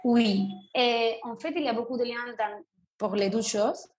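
A woman's voice: on the high side, steady tone. Hesitant young woman. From Venezuela. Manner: halting, frequent restarts and fillers. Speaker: guest, breakdancer. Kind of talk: casual interview answers. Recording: roomy echo.

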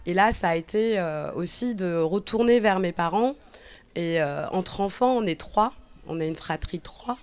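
Her voice is smooth, darkish and on the low side, moving at a moderate pace. She's in her thirties, from Cabinda, Angola, and speaks hesitantly and thoughtfully in conversation as an interview guest, restarting often and using many fillers.

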